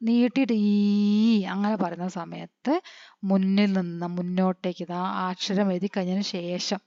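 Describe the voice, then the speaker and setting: A woman's voice: fairly low pitch, steady tone, dark tone, dry recording. Patient woman teaching letters. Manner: patient, asks the children questions and answers them; spells letters out slowly one by one. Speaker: Hindi teacher. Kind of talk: classroom-style lesson. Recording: dry, dull lo-fi recording.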